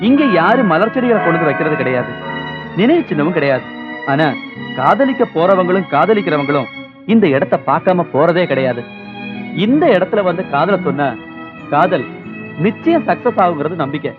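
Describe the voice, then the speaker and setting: An actor playing a man who guides tourists, explaining things slowly and clearly. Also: on the high side, very animated. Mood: informative. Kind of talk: film dialogue. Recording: dull film soundtrack with music.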